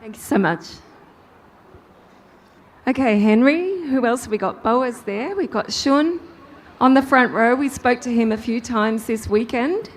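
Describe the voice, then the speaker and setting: A woman's voice: fairly high pitch, lively intonation, unhurried, long pauses, slight background noise. A woman doing chatty, upbeat live interviews out on a race track grid. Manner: chatty, upbeat, talks over the crowd. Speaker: grid reporter.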